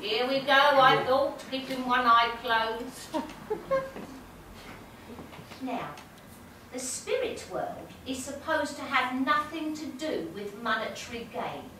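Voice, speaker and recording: A woman's voice: sits high, slow pace, long pauses. A woman playing a chatty, genteel older female medium, fussy, gossipy and amused at herself. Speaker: spirit medium. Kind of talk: stage monologue. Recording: roomy, distant and noisy.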